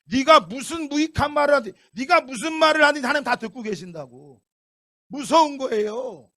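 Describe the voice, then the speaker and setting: A male pastor delivers a sermon with a very high-pitched voice. He preaches emphatically, firing rhetorical questions at the congregation. He swings between loud outbursts and soft, hushed asides. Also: animated, moderate pace.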